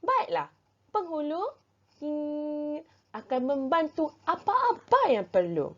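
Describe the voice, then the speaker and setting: A woman reading the lines of a gracious male sultan with a Malaysian Malay accent, in slow, careful speech. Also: sits high, big pitch swings, a bit bright, pitched above the performer's own voice, heavily acted. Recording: dull lo-fi recording.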